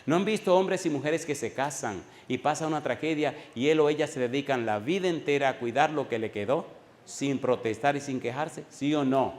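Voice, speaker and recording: Male pastor, sermon delivery, swings loud and slows for weight, roomy echo. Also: mid-range voice. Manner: preaching with sudden loud rises and slow emphatic drops.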